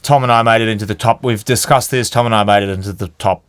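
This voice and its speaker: A man's voice: lowish voice, steady tone, quick pace, clear, resonant tone. A man co-hosting a casual gaming chat, boisterous and swearing, full of mock-outraged banter. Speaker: podcast co-host.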